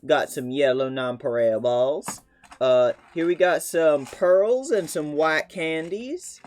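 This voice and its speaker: A man's voice: on the high side, slow, a little mellow. A man chatting casually on a live stream, playful and rambling, with many fillers.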